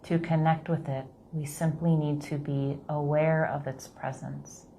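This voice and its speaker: A woman leading a guided meditation in a calm, low, unhurried manner. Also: a little hiss or hum.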